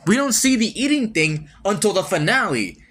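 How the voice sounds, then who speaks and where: Man, podcast host, solo game review, slightly high voice, lively swinging pitch, rambling restarts, casual swearing. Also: normal speed, slightly rough. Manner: laughs wryly between points.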